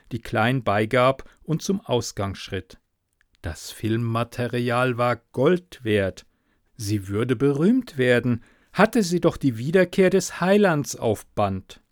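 A man narrating a story in a measured, softly dramatic way. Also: medium pitch, no echo, clean studio sound.

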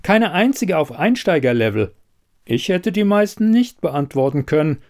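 A clipped, impatient woman investigator in an audiobook crime story, put on by a male reader. She speaks noticeably higher than his narrating voice, firing curt, pointed questions with a lively, swooping tone. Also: moderate pace. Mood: cool, clipped.

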